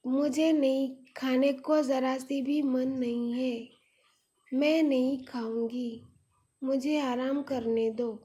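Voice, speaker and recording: A woman's voice: high-pitched, steady tone, slow pace, dark tone. A woman voicing a remorseful young daughter in a spoken story, with an earnest, apologetic manner. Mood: contrite.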